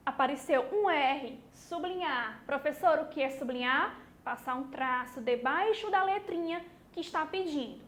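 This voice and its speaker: High-voiced Brazilian woman teaching slowly. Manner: lively, acts out imagined student questions, checks in with "tá bom?". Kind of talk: recorded online class for children.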